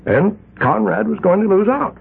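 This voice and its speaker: In a 1970s radio drama heard through a tinny, lo-fi broadcast, an actor plays a wealthy older island patriarch and community leader who rambles and stammers through excuses. His voice is high-pitched, gravelly and slightly rough, expressive and exaggerated, at a moderate pace.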